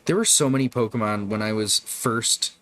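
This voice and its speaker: A man's voice: fairly low pitch, normal speed, a bit bright, no echo. A man hosting a casual livestream, chatting with viewers in a rambling, profane way. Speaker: livestream host. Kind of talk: casual live-stream chat.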